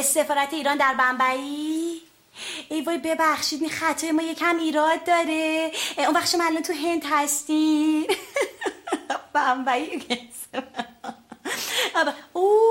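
A woman's voice: high-pitched, fairly bright tone. A woman playing a fussy, chatty secretary who keeps apologizing as she fumbles phone calls. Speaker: office secretary. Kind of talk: sitcom comedy acting.

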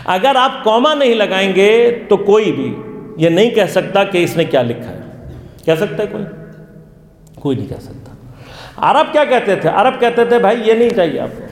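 A man's voice: high-pitched, very animated. A man teaching an interactive religious lesson to a class. He poses questions to his listeners and then answers them himself. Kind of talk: interactive lecture. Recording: echoey hall with long reverb.

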